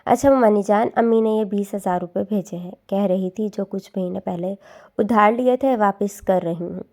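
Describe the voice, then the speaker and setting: A woman voicing a gentle, lovesick young man who speaks softly and pleadingly. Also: mid-range voice, close to an everyday voice. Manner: soft and pleading.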